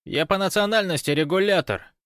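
A mournful, sardonic man, his voice lifted well above the reader's own pitch, as a male narrator puts him on. The delivery is wry and downcast, and the recording sounds dry. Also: brisk, fairly bright tone, no room sound.

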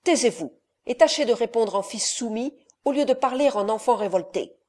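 A woman's voice: a little high, animated, normal speed, a little mellow. A woman reading the part of an angry, sardonic nobleman who scolds his son with scornful commands. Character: angry, sardonic middle-aged nobleman father. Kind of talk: audiobook character reading.

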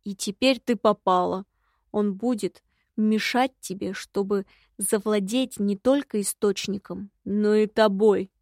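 A woman's voice: mid-range voice, measured pace, darkish tone, dry recording, studio quality, natural voice. A woman reading an audiobook voices a fussy, scolding male imp that looks like a hare, nagging in an exasperated tone.

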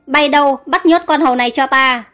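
A haughty young prince, voiced by a woman narrator, snaps orders in a storybook reading. The voice stays high, and every line comes out as a command. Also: a little fast, pushed and bright. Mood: angry. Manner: imperious, barking orders.

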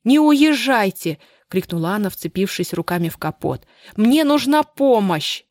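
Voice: medium pitch, brisk, dry recording, studio quality, lightly acted. A narrator voicing a frightened young woman who has fled an attacker, calling out breathlessly and pleading. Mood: desperate.

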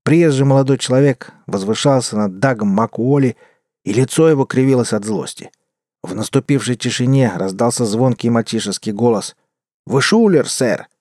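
A man reading a western adventure story aloud in an expressive first-person narration. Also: mid-range voice, moderate pace, dry recording, clean studio sound. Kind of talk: audiobook narration.

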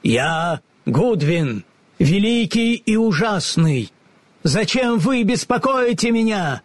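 A storybook wizard, as a male narrator puts him on, speaking in a raised, shaky voice that swings between pomp and panic. The tone is breathy and close, with no room around it. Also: sing-song, slow pace, dry recording, full character voice. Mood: solemn. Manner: solemn booming, then fussy and pleading. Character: grand mysterious male wizard, later a frightened little old man.

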